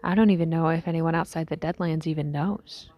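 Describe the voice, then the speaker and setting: A woman playing a weary young survivor recording an apocalypse audio diary, speaking in a low-key, halting way with breathy tail-offs. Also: steady tone, mellow, muffled recording. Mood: somber, nostalgic. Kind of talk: scripted audio diary monologue, fiction drama.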